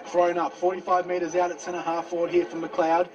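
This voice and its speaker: A man with an Australian accent giving live radio football commentary and analysis, his voice rising with excitement on big plays. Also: high voice, highs cut off. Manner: voice rises into excited drawn-out exclamations on big plays. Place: outdoors at a football ground, above fans. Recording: distant outdoor mic, loud crowd. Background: loud crowd.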